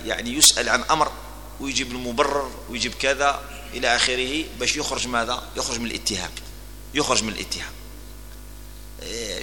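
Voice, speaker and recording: A man's voice: mid-range voice, sharp tone, in a large hall, slight background noise. A man with an Algerian accent giving a religious lesson, telling stories and moving between formal Arabic and dialect. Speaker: preacher.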